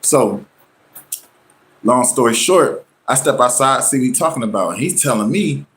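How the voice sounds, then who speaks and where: A man hosting his own show, telling a personal story in loose, slangy casual talk. He acts out the people he quotes with sudden jumps in pitch. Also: expressive, normal speed, fairly bright tone. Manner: slangy, loose, full of "you know what I'm saying". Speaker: show host.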